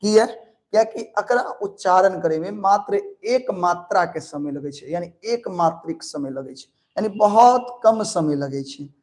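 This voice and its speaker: A man with a Maithili accent teaching grammar for an exam, drilling students with quick questions and answering them himself. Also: sits high. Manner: lively, calls students pet names. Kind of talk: online exam-prep grammar lesson.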